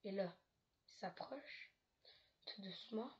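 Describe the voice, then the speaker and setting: A woman's voice: mid-range voice, slow, whispered, lo-fi sound. A woman hosting a live stream, telling a spooky story casually with many hesitations and joking asides. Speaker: livestream host. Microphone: home streaming mic.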